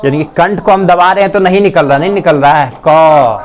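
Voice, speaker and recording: A male teacher with a Bihari accent leads a classroom Hindi pronunciation lesson, slowly drilling the sounds of letters and quizzing his students often. His voice is on the high side, and a crowd can be heard in the background.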